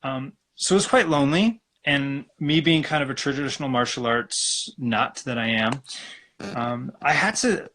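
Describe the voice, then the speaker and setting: A man from Alberta, Canada, talking as a guest acupuncturist in a relaxed, rambling way over a video call. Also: mid-range voice, moderate pace, a little hiss or hum. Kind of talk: casual live-stream interview.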